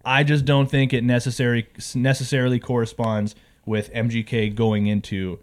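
A man's voice: medium pitch, flat delivery, normal speed. A young man co-hosting a casual podcast chat, rambling with lots of restarts and fillers. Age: young adult. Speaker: podcast co-host.

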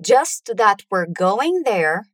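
Female teacher, Portuguese native, mid-pitched voice, slow deliberate repeat-after-me drills. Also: very animated, no echo, clean studio sound. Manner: slow, deliberate word-by-word modeling. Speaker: English teacher. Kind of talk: pronunciation lesson with drills.

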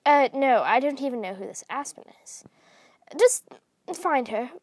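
A woman's voice: high-pitched, lively intonation, a little slow, a little mellow, a little hiss or hum. A woman voicing a flustered dragon mother who stammers and hesitates.

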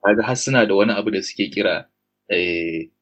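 A man's voice: low voice, fairly quick, a bit bright. A man with a Nigerian Hausa accent talking in a casual discussion, explaining points while mixing Hausa and English.

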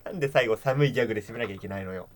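A man's voice: lowish voice, racing, slight background noise. A young man telling a rambling, funny story in casual free talk, laughing as he goes and acting out the lines he quotes. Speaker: podcast co-host.

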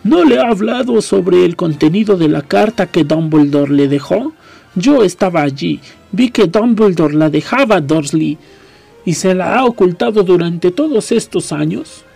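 A man voicing a gruff, furious giant of a man who roars his indignation, read aloud in a storybook reading. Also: fairly high pitch, lively intonation, measured pace, dark tone, faint music behind, exaggerated voice. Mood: indignant. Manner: roaring, indignant.

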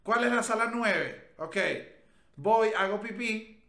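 A man with a Venezuelan Spanish accent rambles chattily as a podcast co-host, often restarting his sentences. His voice is high and bright, and it echoes around the room he records in. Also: slow pace. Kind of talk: casual chat.

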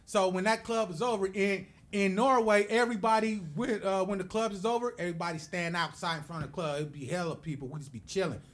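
This animated storyteller, a middle-aged man from the United States appearing on a podcast, voices the characters in his tales. He speaks high and quick, somewhat bright, with hardly any pauses.

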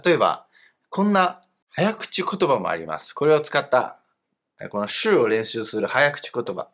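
A man talks through a grammar lesson as an online teacher. His delivery is patient and explanatory, and his voice is lively and animated, swinging up and down in pitch. His pitch sits at a middle level for a man. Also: a little slow. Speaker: language teacher.

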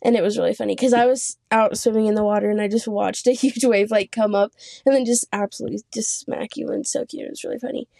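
Chatty young woman, mellow voice. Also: fairly high pitch, fairly even intonation, fast talker, creaky, no room sound, clean studio sound. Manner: chatty, laughs often, says "like" a lot. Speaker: podcast co-host. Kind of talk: casual chat.

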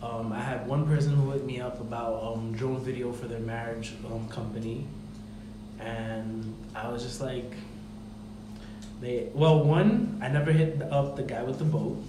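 A man's voice rings with big echo in a reverberant room, over clear background noise. He hosts a podcast in a loose, conversational way, explaining things in a rambling, informal style. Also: medium pitch, steady tone, measured pace. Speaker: podcast host. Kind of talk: casual podcast chat.

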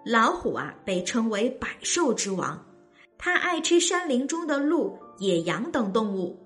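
A woman's voice: a little high, sing-song, measured pace, a bit bright, faint music behind. A woman narrating a children's story expressively, speaking directly to young listeners.

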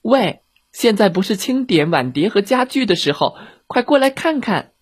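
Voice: mid-range voice, sing-song, normal speed, slightly rough, dry recording, studio quality, voice pushed up. A storyteller voicing a clever, cheeky little girl who feigns innocence, in a children's audio story. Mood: cheerful.

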